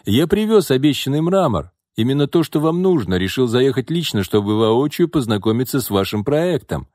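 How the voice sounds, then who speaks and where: A man reading an audiobook voices a good-natured, middle-aged businessman who talks in a measured way. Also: on the low side, animated, a little mellow, no echo, clean studio sound, lightly acted.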